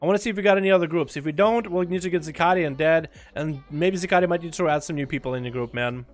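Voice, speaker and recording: This livestream features a streamer with an American accent who speaks Russian, calling game duels and chatting with the audience. He races along at a fairly high pitch, shouting at big moments during his excitable play-by-play, with soft background music.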